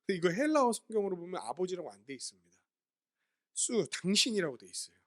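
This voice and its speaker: Speaking fast in a high, fairly bright voice with big pitch swings, a pastor preaches a sermon. He poses questions to his listeners and answers them himself while unpacking words from the Greek Bible.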